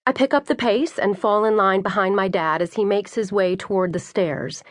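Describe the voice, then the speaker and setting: A woman's voice: medium pitch, moderate pace, dry recording. Woman narrating an audiobook, dry studio sound. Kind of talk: first-person scripted narration.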